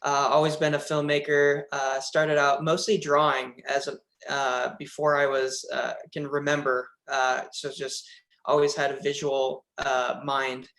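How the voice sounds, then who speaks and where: A filmmaker introducing himself on a video-call panel, halting and full of uhs. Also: male voice, mid-range voice, flat delivery, creaky, a bit bright. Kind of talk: panel discussion, personal intro.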